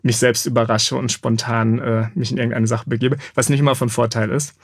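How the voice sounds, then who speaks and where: A man who is the author and guest, talking in a measured, self-deprecating way and reading his book aloud. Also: mid-range voice, level tone, no echo, studio quality. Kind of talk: casual interview and audiobook reading.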